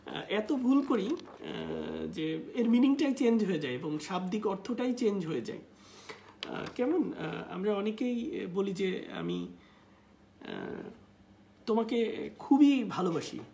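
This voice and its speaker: A woman with a Bangladeshi accent leads a live online English lesson at a mid pitch. She explains in a chatty teaching manner and stretches each English example out slowly. Faint background noise sits under her voice. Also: big pitch swings, gravelly, warm tone. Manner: explains in Bengali, slowly reads out English example sentences, many filler "ah"s.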